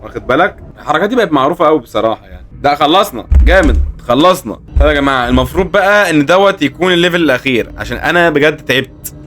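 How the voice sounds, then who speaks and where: A man with an Egyptian Arabic accent commenting on a horror game, with excitable, exclaiming, joking reactions. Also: on the high side, very fast, few pauses. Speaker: gaming host.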